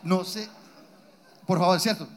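A man telling profane, animated comic stories as a podcast co-host on a live stage. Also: high-pitched, normal speed. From Colombia, Guatapé area. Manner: animated, profane, laughing storyteller. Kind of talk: live comedic storytelling. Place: live stage before an audience.

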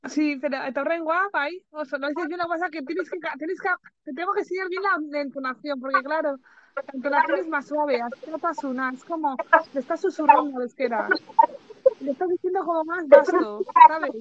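High-voiced woman with a dull-sounding recording. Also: brisk. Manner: corrects patiently. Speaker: co-host teaching Basque. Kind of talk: casual chat, language tutoring.

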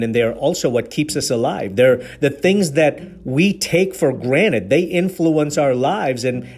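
An earnest man from Kenya delivers a motivational leadership talk in a middle-pitched voice. He preaches his points and keeps checking in with rhetorical questions. Soft music plays faintly behind him. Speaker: podcast host.

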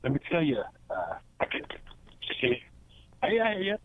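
A man's voice: a little high, huge pitch swings, unhurried, dry recording. Man on a bad, cutting-out phone line. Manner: casual, slangy greetings. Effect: bad phone connection, cutting out. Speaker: caller. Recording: faint tinny phone line.

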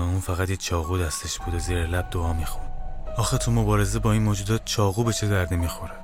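Deep voiced guy reading a scary audio story, dramatic, guitar music going behind him. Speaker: narrator and writer. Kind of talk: scripted first-person horror narration.

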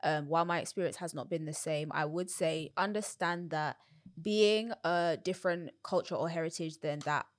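A woman's voice: low-pitched, moderate pace, dry recording, clean studio sound. A woman co-hosting a podcast, speaking in a reflective, encouraging way in casual chat. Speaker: podcast co-host.

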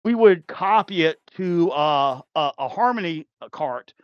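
A man with a high voice chats loosely as a podcast guest, circling back with fillers and restarts and laughing often. The sound is dry and a bit muffled. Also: lively intonation, measured pace, no room sound. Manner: rambling, many fillers and restarts, laughs easily. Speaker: podcast guest, game developer. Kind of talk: casual chat.

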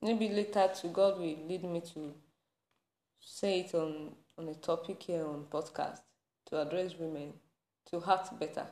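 A woman's voice: on the low side, fairly even intonation, measured pace, darkish tone. A woman podcast host in a passionate faith-based rant, laughing between points and building to anger. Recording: roomy echo.

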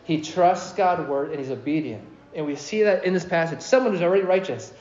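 Pastor, male, animated sermon, slightly high voice, echoey dull church recording. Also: brisk. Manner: animated, asks the congregation questions.

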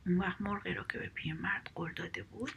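A woman narrating a children's story in a whispered role-play, soft and slow. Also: fairly low pitch, steady tone, a little hiss or hum.

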